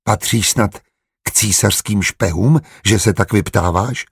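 A man voicing a bold, sharp-tongued traveling woman in an audiobook, speaking sarcastically with a husky voice. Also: fairly low pitch, no room sound, studio quality, exaggerated voice. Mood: sly. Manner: sarcastic, biting.

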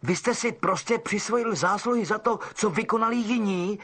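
A man's voice: high-pitched, a bit bright, breathy edge, voice pushed up, exaggerated voice. A man voicing an earnest, indignant teenage schoolboy wizard who talks insistently. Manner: insistent, pleading.

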